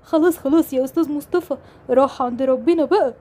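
A woman plays a solemn, hesitant Egyptian male nurse in a game drama. The voice is high and mellow, and it moves along quickly. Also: close to an everyday voice. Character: hospital male nurse delivering bad news.

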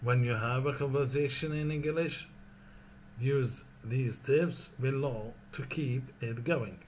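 A man with an Iraqi accent teaching an English lesson, reading each phrase slowly, repeating it, then translating it. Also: medium pitch, a little mellow, slight background noise.

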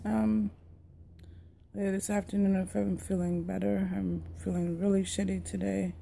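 Low, very dark, sore post-tonsillectomy woman's voice. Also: creaky, a little hiss or hum. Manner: subdued, weary, halting. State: sore throat and tongue after tonsil surgery. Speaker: vlogger. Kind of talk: casual video diary. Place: dim living room at home. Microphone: phone at arm's length.

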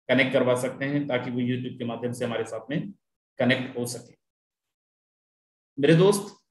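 A man presenting a live webinar, pressing the same points again and again. He slips English phrases in as he goes. His voice carries a roomy echo. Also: medium pitch. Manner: repetitive, insistent, mixes English phrases into Hindi.

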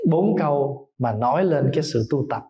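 A man, a Buddhist monk, giving a dharma talk in an unhurried way and chanting verse slowly and tenderly. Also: medium pitch, lively intonation, warm tone. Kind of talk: dharma talk with recited poetry. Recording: dull roomy recording of a talk.

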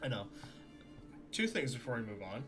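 A streamer chatting casually over a game, excitable, self-mocking and quick to swear. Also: medium pitch, over music.

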